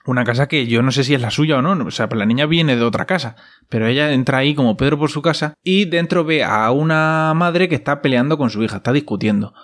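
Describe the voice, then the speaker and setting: Young man, casual recap, wry asides, mid-pitched. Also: fast, fairly bright tone. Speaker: host. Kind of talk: humorous series recap.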